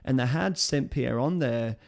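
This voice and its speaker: A man's voice: mid-range voice, measured pace, vocal fry, darkish tone. A man hosting a live-stream chat, rambling and enthusiastic as he talks. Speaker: show host.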